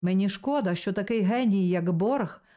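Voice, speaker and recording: A woman's voice: medium pitch, moderate pace, warm tone, lo-fi sound, close to an everyday voice. A woman voicing an earnest, reproachful young man in a storybook reading.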